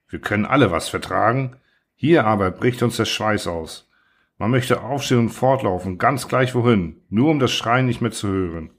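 A man reading a literary story aloud in a measured, somber narration. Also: mid-range voice. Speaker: audiobook reader.

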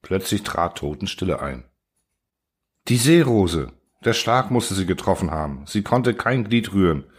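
A man narrating a story in a measured, dramatic storytelling manner. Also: low voice, expressive, slightly rough.

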